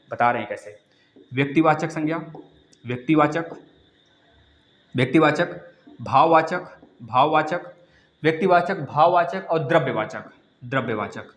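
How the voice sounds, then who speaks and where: Male tutor, higher voice, repetitive dictation style, live-class lecture, roomy echo. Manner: repetitive dictation, drawn-out words, jokey asides. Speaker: Hindi teacher for exam preparation.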